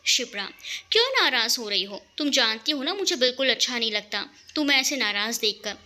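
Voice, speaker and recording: A loving young woman pleads with and soothes her best friend. A woman storyteller voices her in a very bright, high voice full of lively rises and falls. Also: a little fast. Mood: coaxing. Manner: coaxing, affectionate pleading.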